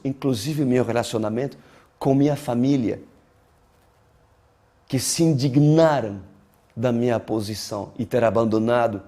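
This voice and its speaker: In a sermon, a pastor speaks slowly in a mellow, mid-range male voice. He learned Portuguese as an adult and it isn't his first language. Expect deliberate, emphatic preaching marked by dramatic pauses and phrases said again and again.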